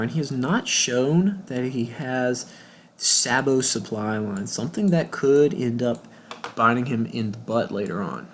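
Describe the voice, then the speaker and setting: A young man giving casual, rambling commentary over a video game, with sudden excited outbursts and whispered asides. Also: mid-range voice, slight background noise. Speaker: gaming YouTuber.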